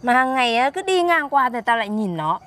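A woman with a husky voice bickers in a comedy skit. She boasts and defends herself, talking fast at a high pitch. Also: big pitch swings, fairly bright tone. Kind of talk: comedic banter.

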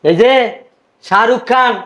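An actor playing a greedy, bossy middle-aged father-in-law who scolds and mocks in rapid, speech. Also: very high-pitched, a bit bright. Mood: mocking. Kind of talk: village comedy drama.

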